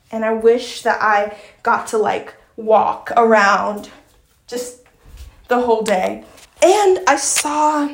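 Chatty young woman from Long Island. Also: a little high. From Long Island, New York. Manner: chatty, rambling, lots of fillers. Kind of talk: casual vlog chat. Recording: echoey room.

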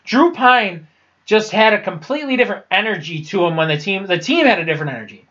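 Doing a casual solo recap of college football results, this young podcaster sounds stuffed up and sinus-clogged, swearing bluntly and frequently tripping over words before restarting. He speaks quickly with a sharp tone and lively inflection, his voice sitting high, in a muffled recording.

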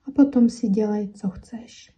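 A woman voicing a small, frightened wooden pencil that begs a mouse to let it go, speaking higher and louder as it pleads. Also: measured pace, husky, muffled recording. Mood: pleading.

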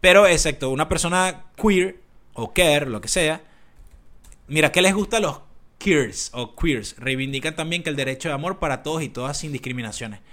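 Brief: Venezuelan man, podcast co-host, rambling and slangy, a touch high-pitched. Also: lively intonation, fairly bright tone. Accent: Venezuelan Spanish. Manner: rambling, slangy, reads aloud haltingly. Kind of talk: casual chat.

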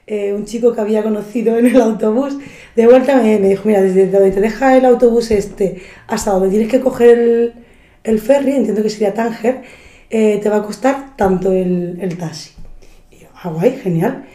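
A woman guesting on a podcast tells travel anecdotes in a casual way, swearing a lot and taking on the voices of people she quotes. Her voice is medium-pitched, mellow, and warm, with the room's echo adding a spacious ring.

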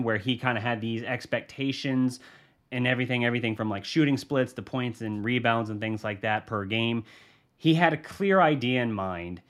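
A man hosting a sports podcast, talking through his views casually and thinking aloud, with frequent restarts. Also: medium pitch. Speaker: podcast host, sports journalist. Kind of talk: solo sports podcast commentary.

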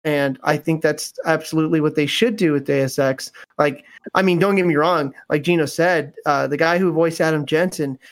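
A man with a somewhat higher-pitched voice talks casually about games as a podcast co-host. He rambles, circling back with fillers and restarts as he builds his point. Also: steady tone, moderate pace, few pauses.

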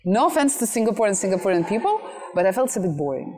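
A cheerful woman in her thirties, born in Russia and raised in France, is an interview guest chatting casually outdoors at a villa. She's an MC and content creator who laughs often and talks in short phrases. Her medium-pitched, darkish voice races along with big swings in pitch.

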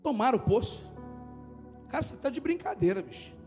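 A male pastor from Goiânia with a Brazilian accent, preaching an animated, jokey sermon in a church and often shouting. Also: extremely high pitch, a little fast, big-room sound, faint music behind. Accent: Brazilian Portuguese, from Goiânia. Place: church hall.

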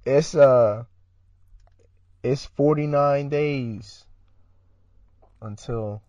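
A man's voice: mid-range voice, extremely slow, dark tone, dry recording, highs cut off. A man co-hosting a casual sports podcast, laid-back and teasing, with lots of filler asides. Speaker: podcast co-host.

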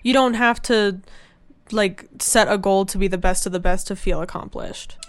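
A woman's voice: medium pitch, moderate pace, clear, resonant tone, dry recording. A young woman co-hosting a podcast in casual chat, talking in loose, filler-filled runs. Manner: chatty, lots of fillers and restarts. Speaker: podcast co-host.

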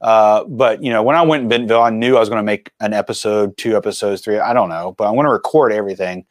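A man in his forties, a filmmaker and mountain biker, telling stories as a guest in a casual interview with animated, chatty energy. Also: fairly low pitch, fast, dry recording. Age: 40s.

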